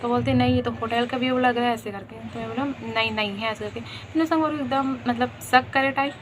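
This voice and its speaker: A woman's voice: fairly high pitch, fairly even intonation, quick pace, background noise. Chatty Chhattisgarhi-accented young woman. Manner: chatty, addresses viewers as friends. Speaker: vlogger. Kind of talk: casual storytelling.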